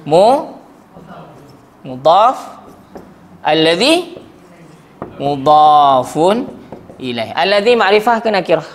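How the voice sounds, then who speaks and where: A man with a high voice lectures a grammar class in a lively way. He keeps stopping to check that his students follow. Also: slow, long pauses, slight background noise. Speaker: Arabic grammar teacher.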